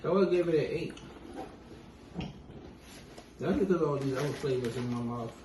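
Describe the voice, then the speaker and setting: A man's voice: medium pitch, normal speed. A man chatting casually as a co-host of a taste-test vlog. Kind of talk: casual chat. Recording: echoey room, distant mic, clear noise.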